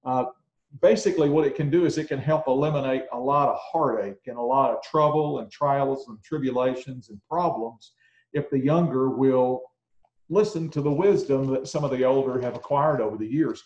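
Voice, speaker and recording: A man in his sixties giving a conversational sermon to a congregation, often pausing with filler words. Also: mid-range voice, a little mellow, highs cut off. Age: 60s. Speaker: preacher. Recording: roomy echo.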